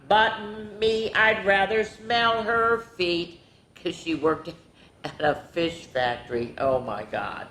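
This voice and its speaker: Reading picture books for children's story time, a woman with a slightly bright voice sings out the rhymes, stretches the rhyming words, and throws in chatty, exclamatory remarks. An echoey room and background rumble color the recording.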